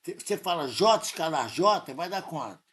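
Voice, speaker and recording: A man with a Brazilian Portuguese accent teaches math in a live tutoring lesson, pressing the student and correcting them frequently. His pitch is fairly high and a bit bright, with lively intonation at a normal speed.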